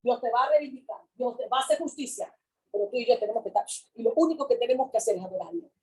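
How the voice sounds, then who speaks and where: A woman preaching a sermon with fervor, repeating her phrases and swinging between loud calls and hushed words. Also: on the high side, very fast, low-quality recording.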